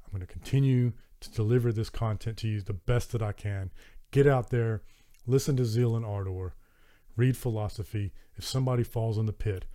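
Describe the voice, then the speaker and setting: A man's voice: fairly low pitch, brisk, dark tone. A man with a Southern American accent hosting his own podcast, chatting earnestly and enthusiastically, with frequent restarts. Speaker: podcast host. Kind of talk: casual solo podcast talk.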